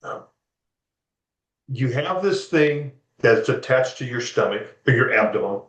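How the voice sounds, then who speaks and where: A man's voice: mid-range voice, lively intonation, measured pace, a bit bright. A man speaking as an interview guest in casual chat, rambling and repeating himself often. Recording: roomy, dull lo-fi sound.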